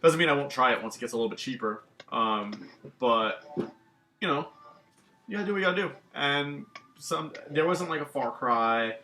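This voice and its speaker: This gaming channel co-host talks in a medium-pitched, bright, forceful voice, animated and at normal speed. His casual video game chat rambles, packed with "um" and "like." The echoey recording carries a little hiss or hum.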